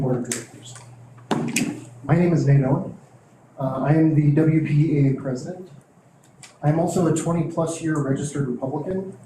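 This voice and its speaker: A middle-aged man, president of a teachers' union, reads a prepared statement during public comment at a school board meeting. His fairly high voice has a dark tone, and he sounds earnest, measured and heartfelt. The meeting room echoes and there is a faint hiss.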